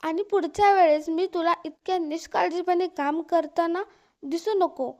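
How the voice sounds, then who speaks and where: A woman's voice: very high voice, fairly even intonation, normal speed, a little mellow. A woman voicing a stern young elder brother who lectures his sister firmly. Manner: firm, lecturing.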